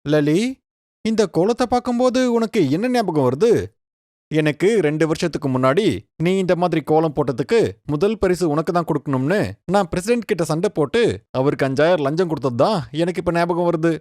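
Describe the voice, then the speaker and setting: A woman voicing a kind, protective young man in a cartoon story, with a lowered, earnest voice. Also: lively intonation, a little fast, warm tone, dry recording, clean studio sound, lightly acted. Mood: caring.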